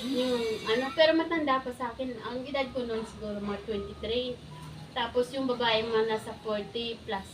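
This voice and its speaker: A middle-aged woman with a high voice tells a story from her past in easy chat. She acts out what everyone said, keeps bursting into laughter, and sounds roomy and a little distant from the mic. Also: moderate pace, soft background music. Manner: animated storytelling, acting out quoted exchanges, laughing often. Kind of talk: casual chat.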